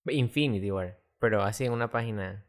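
Teasing young man, casual podcast. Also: fairly low pitch. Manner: teasing, jokey, quick asides. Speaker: podcast co-host. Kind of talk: casual chat.

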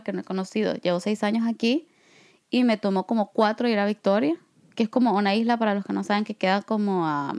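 A woman with a Salvadoran Spanish accent co-hosting a podcast in easy, talkative conversation. She is relaxed, fills her sentences with small fillers and laughs, and her pitch sits in the middle of the usual range. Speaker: podcast co-host. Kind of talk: casual chat.

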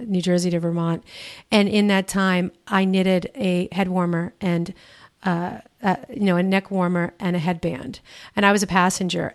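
A woman hosting a casual interview, telling stories in a chatty, rambling way full of fillers. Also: on the low side. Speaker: podcast host, interviewer.

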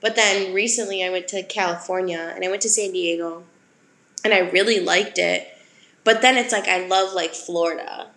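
Speaking at a moderate pace in a lowish, fairly bright voice with a steady tone, a young adult woman from Wisconsin, USA, co-hosts a laid-back podcast chat. She's chatty and giggly, her speech thick with fillers, and the recording has a roomy sound.

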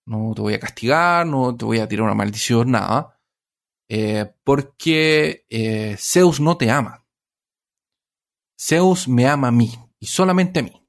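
A man's voice: medium pitch, a little slow, natural voice. Man doing a jealous, haughty queen goddess. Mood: cold.

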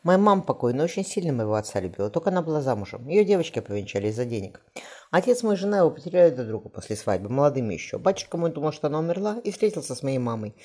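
A man reading the lines of a gentle young woman who comforts and consoles, in a soft voice. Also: on the high side, very animated, very fast, pitched above the performer's own voice. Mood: consoling. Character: gentle young woman midwife, tender and steady.

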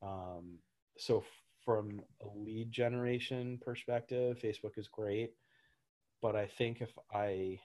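Low-voiced guy chatting in an interview, rambles a lot, um and like everywhere. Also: fairly even intonation, takes it slowly, dark tone. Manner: rambling, many fillers and restarts. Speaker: gym owner, guest. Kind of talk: casual interview talk.

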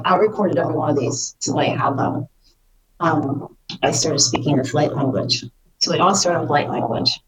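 A woman talking casually and earnestly about her channeling experiences, halting and repeating phrases for emphasis. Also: deep voice, recorded from a distance, rough recording. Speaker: spirit channeler, interview guest.

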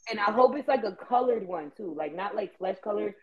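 A woman's voice: medium pitch, lively intonation, a little fast, highs cut off, crowd noise. A woman co-hosting a casual chat, riffing bossily for laughs. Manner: bossy comic riffing, laughs often.

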